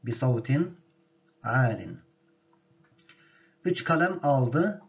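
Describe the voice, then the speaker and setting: A man teaching an Arabic grammar lesson, speaking slowly and deliberately and repeating each word so it can be drilled. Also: medium pitch, sing-song, gravelly, muffled recording.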